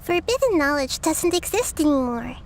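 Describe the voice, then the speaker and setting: A kind, childlike girl deity from a video game speaks in a high, light voice. She explains things with composed, thoughtful wisdom. Faint noise sits behind her. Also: sing-song, normal speed. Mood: reassuring.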